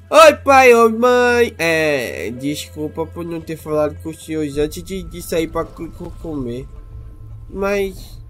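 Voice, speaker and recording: A man's voice: on the high side, natural voice. A man voicing a hungry, clingy newborn creature hatchling that whines and repeats its words in a game role-play.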